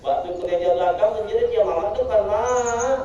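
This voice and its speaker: An Islamic preacher with a high-pitched, fast voice delivers a lively, humorous sermon at a school religious gathering, joking, telling stories and speaking straight to his listeners. The recording is dull and lo-fi, with a distant mic in an echoey room.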